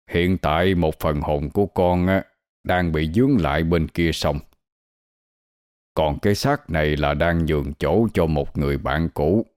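A kindly elderly monk, put on by a male storyteller, speaks in a very deep, warm voice. He talks slowly and calmly, like a temple bell. The sound is dry and close. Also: no room sound.

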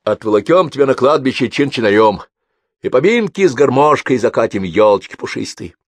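A man voicing a loud, cocky grown son who mocks and jokes. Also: medium pitch, expressive, a little fast, husky, no echo, voice pushed up. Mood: rowdy. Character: brash, boisterous grown son, joker.

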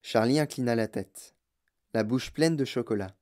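Male audiobook narrator, mid pitch. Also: moderate pace. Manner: expressive storytelling. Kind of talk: scripted narration.

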